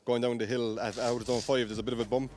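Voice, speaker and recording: A man's voice: medium pitch, little pitch movement, quick pace, a little mellow, soft background music. A man, a drift driver, talking through a bad run in a trackside interview, frustrated and rambling. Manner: frustrated, rambling, nervous laughs.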